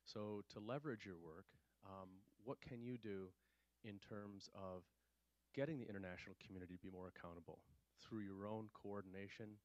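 Deep-voiced man asking a measured question. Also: steady tone, darkish tone, no echo, lo-fi sound. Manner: measured, challenging, hesitant fillers. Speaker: program staff asking a question. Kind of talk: audience question at a panel. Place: conference room audience. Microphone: handheld mic.

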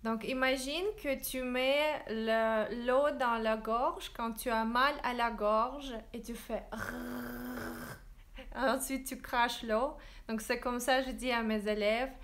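A woman teaching French in a livestream, drilling verb forms slowly and switching into English to explain. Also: fairly high pitch, a bit bright. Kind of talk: livestreamed language lesson. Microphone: phone livestream.

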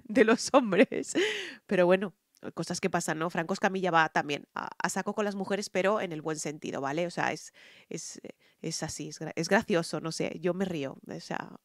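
A woman's voice: fairly low pitch, no room sound. Chatty Spanish woman reacting, dry sound. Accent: Spanish (Spain). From Spain. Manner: hesitant restarts, chatty storytelling, laughs often. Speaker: YouTube reactor and singer. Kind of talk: casual reaction commentary.

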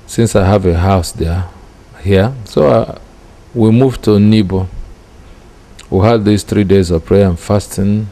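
Interviewed in a small curtained room, an apostle who founded a church, a Nigerian-accented man in his fifties, looks back on his story reflectively. He speaks in a lowish, warm voice at an unhurried pace, close to a handheld-style microphone held in front.

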